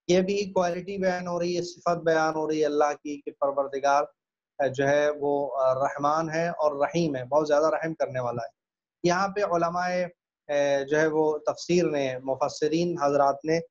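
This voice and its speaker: A man giving a Quran commentary lesson, explaining patiently with hesitant fillers and reciting phrases slowly and carefully. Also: fairly high pitch. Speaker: religious teacher. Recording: dull lo-fi recording.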